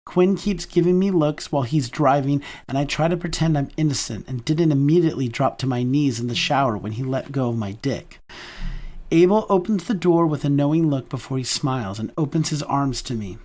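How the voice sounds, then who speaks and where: A man narrating a first-person romance audiobook in a warm, conversational manner. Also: mid-range voice, brisk.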